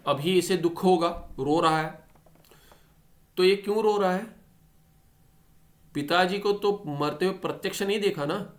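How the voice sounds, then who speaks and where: A man teaching a Sanskrit philosophy text, animated and full of rhetorical questions, reading the Sanskrit lines slowly. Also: on the high side. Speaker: teacher of scripture.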